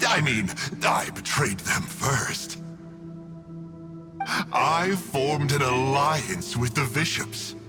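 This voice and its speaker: In video game voice acting, a man plays a smug, flippant villain from a dark order, a scheming type. His speech is very slow, with lively intonation and swooping pitch, breezy, mocking, and theatrical as he toys with listeners. Music sits behind the voice.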